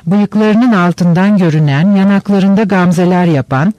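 A man reads a classic novel aloud as an audiobook narrator, steady and unhurried. His voice sits high for a man. The recording is dry and close, with no room sound. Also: no echo. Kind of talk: audiobook reading.

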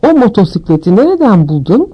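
A woman voicing an old, wise and calm male wizard with a mildly wry manner, in a storybook reading. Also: mid-range voice, quick pace, husky, lo-fi sound.

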